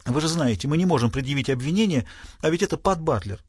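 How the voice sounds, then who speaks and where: A man's voice: a little high, expressive, breathy edge, dry recording, clean studio sound. A man reading an audiobook, playing a keen young police sergeant hurriedly warning his superior. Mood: urgent. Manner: brisk, urgent.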